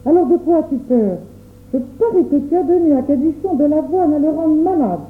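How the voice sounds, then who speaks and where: A woman playing a stern, quick-tempered mother who scolds in an imperious way. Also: high-pitched, soft background music, close to an everyday voice. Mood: scolding. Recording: tinny phone-like sound, roomy echo.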